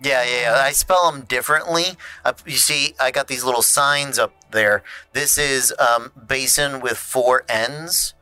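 A man's voice: medium pitch, a little slow, hardly any pauses, bright, forceful tone, clear, resonant tone, no room sound, soft background music. A man voicing a quirky, nasal male goblin who hoards shiny junk and rambles indignantly. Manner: fussy, rambling, mock-indignant.

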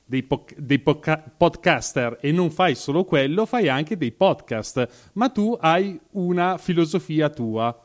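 A man's voice: a little high, animated, slow, few pauses. A man hosting a podcast, interviewing his guest with joking asides. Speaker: podcast host.

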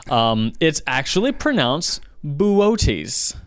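Animated lower-voiced man, dry close sound. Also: moderate pace, no room sound. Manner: animated, pitch jumps up when excited. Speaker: podcast co-host. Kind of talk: casual chat.

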